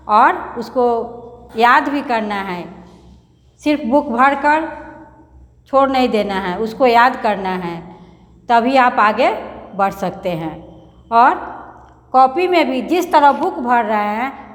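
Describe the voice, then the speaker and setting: A woman teaching young children a reading lesson, patient and slow, spelling words out and often calling the pupils "beta". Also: fairly high pitch. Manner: patient, repeats words and spells them out slowly; calls the pupils "beta" affectionately. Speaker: primary school teacher. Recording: echoey room, long reverb.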